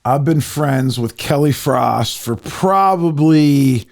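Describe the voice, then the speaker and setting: A man's voice: a little high, lively intonation, slow, gravelly, a little mellow. A middle-aged man from Ohio hosting a podcast, chatting casually and rambling with lots of fillers. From Ohio, USA. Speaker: podcast host. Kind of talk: casual interview chat.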